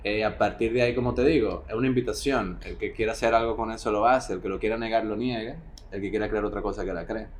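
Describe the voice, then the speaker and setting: A man's voice: fairly low pitch, fairly even intonation, quick pace, hardly any pauses. A man from the Dominican Republic with a Dominican Caribbean Spanish accent, explaining things reflectively and colloquially in an interview. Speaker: film director being interviewed. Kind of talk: conversational interview. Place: home, beside a street with motorbikes. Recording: clear street noise behind.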